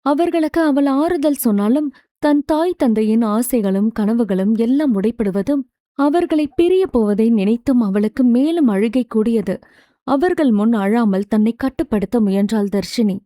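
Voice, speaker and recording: A woman narrating a romance novel audiobook with steady, expressive storytelling. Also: fairly high pitch, normal speed, dry recording, studio quality.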